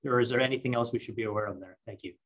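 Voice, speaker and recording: On an earnings call, a man with a medium-pitched voice puts informal questions to the company as an analyst. He speaks haltingly and repeats words, and the sound quality is lo-fi.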